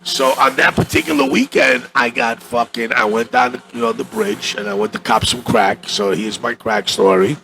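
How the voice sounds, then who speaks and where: A man's voice: medium pitch, animated, moderate pace, creaky, few pauses, fairly bright tone. A middle-aged man with a New York accent, a comedian telling a profane, rambling story with stammers in a cafe interview. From Astoria, Queens, New York. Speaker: comedian guest.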